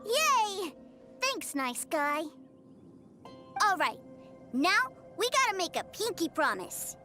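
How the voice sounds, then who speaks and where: A woman's voice: extremely high pitch, sing-song, slow pace, over music, heavily acted. A woman voicing an innocent, trusting, stubbornly loyal little boy in a video game, with an earnest, boastful childlike manner. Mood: excited.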